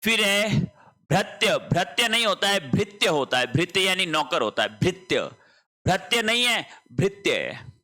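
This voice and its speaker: A man teaching an online lesson, explaining slowly, repeating words and checking that students understand. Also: sits high, very animated, pushed and bright. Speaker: Hindi teacher. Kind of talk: online exam-prep lesson.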